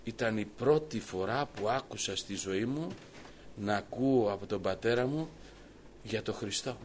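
A man's voice: fairly low pitch, a little hiss or hum. A man telling a personal story to his congregation as a sermon, quoting the dialogue at length. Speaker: preacher giving testimony. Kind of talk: sermon testimony.

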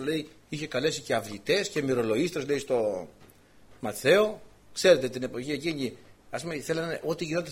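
A man preaches a passionate sermon, his voice a little high and slightly rough. He fires rhetorical questions at the congregation and repeatedly calls them brothers.

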